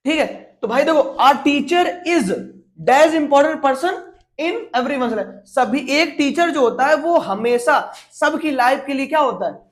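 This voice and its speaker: A woman with a high, light voice gives a grammar lesson in Hindi. She talks her students through each step, asks a question and then answers it herself. She reads the English example sentences slowly, one word at a time. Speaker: English teacher.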